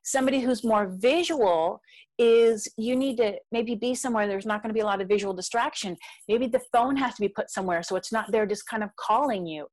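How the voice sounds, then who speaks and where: A woman's voice: a little high, a little fast, darkish tone. A middle-aged woman explaining ideas on communication in marriage in a conversational way, acting out little quotes from her husband. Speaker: guest expert on marriage communication.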